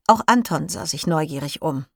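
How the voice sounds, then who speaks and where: A woman narrating a children's audiobook in a clear, expressive storytelling manner. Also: low-pitched, moderate pace, dry recording, studio quality. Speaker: audiobook reader.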